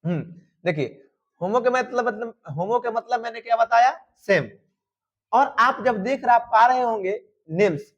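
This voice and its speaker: A man teaching an exam-prep grammar lesson, repeatedly asking his students questions and answering them himself. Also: sits high. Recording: dull lo-fi sound.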